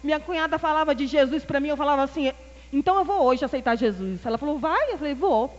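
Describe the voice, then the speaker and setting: A woman's voice: high voice, quick pace. A woman with a Brazilian Portuguese accent, a church deaconess preaching a sermon and telling personal stories, acting out the dialogue she quotes. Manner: lively storytelling, acts out quoted dialogue, laughs often. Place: church hall. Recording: dull, hall-reverberant church recording.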